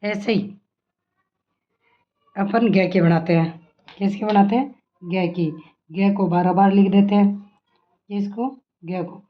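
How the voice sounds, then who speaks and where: Woman teacher, slow and patient, quizzing a class; muffled lo-fi recording. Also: medium pitch, fairly even intonation. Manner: slow, repeats and asks the class questions. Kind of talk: classroom lesson teaching script spelling. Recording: dull lo-fi sound.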